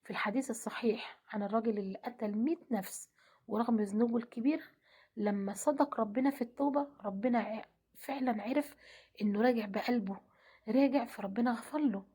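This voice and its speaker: A woman with an Egyptian accent speaks in a gentle devotional talk, moving quickly from line to line. Her voice sits a little high and carries a husky, breathy grain, and she often sinks into a soft half-whisper. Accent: Egyptian Arabic. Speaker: religious speaker.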